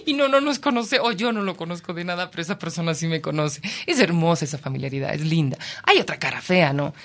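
A woman television reporter in an interview, telling stories with animated emotion and frequent laughter. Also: sits low, fast talker. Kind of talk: interview conversation.

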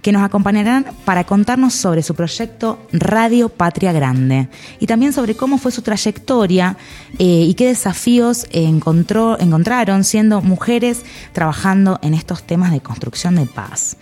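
A woman hosting a podcast, speaking in a measured, formal way. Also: mid-range voice, expressive, warm tone. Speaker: podcast host. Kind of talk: podcast intro and interview.

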